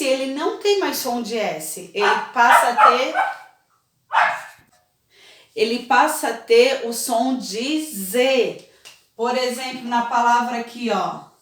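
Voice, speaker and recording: A woman teaching a children's spelling lesson, slow and patient, often checking in with her pupils. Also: sits high, fairly bright tone. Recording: echoey room, voice a bit far from the mic.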